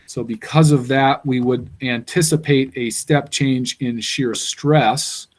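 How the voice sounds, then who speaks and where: A man's voice: medium pitch, steady tone, slow. A man giving a university engineering lecture, explaining step by step and thinking aloud with fillers.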